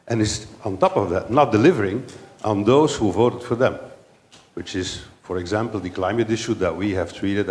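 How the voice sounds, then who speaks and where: A man speaking at a round table as a parliamentarian, deliberately posing rhetorical questions. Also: on the low side, darkish tone, slight background noise.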